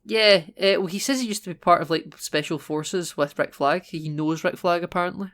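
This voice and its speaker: Co-hosting a laid-back film podcast, this man with a Scottish accent chats playfully and often restarts his sentences. He sits high in pitch, speaks at a normal speed, and has a fairly bright tone.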